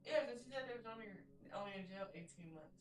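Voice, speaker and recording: A woman giving brief, quiet replies off-mic during a stream. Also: medium pitch, expressive, fast talker, over loud music.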